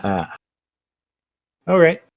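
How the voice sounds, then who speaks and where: A man's voice: drawn-out words, slight background noise. A man playing in a casual tabletop game, blunt and joking. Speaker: player.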